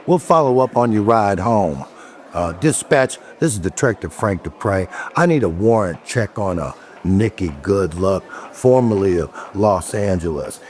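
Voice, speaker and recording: In a horror audio drama, a male actor takes on a gruff, worn-out detective who is wry, guarded and commanding. His voice is low and a little mellow, and the mood is brusque and official.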